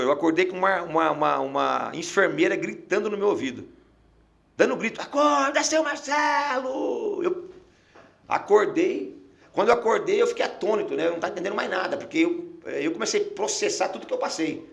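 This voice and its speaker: A middle-aged Brazilian man, a pastor, telling an emotional testimony in a podcast conversation, dropping to a hush as he nears tears. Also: sits high, lively intonation, fast talker, creaky. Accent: Brazilian Portuguese. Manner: emotional storyteller, falls quiet and near tears.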